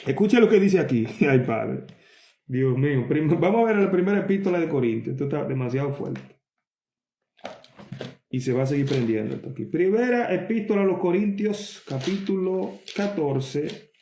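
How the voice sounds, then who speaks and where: A man with a fairly high yet mellow voice gives a Bible teaching sermon. He reads scripture slowly, then explains it with emphatic asides, calling out to his brothers. The sound is roomy and echoing. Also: lively intonation, a little hiss or hum. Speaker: preacher.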